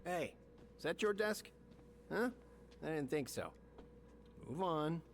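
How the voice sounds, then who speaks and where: A middle-aged office man in a narrative game who is chatty and folksy. His voice sits a little high. A clear crowd murmur fills the background. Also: lively intonation, slow pace.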